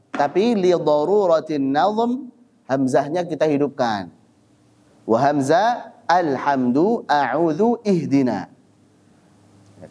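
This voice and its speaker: Man teaching slow careful recitation. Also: mid-range voice, mellow. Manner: stretches words slowly to demonstrate pronunciation, then explains briskly; chants verse lines in a measured recitation. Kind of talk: tajwid lesson with slow demonstrations.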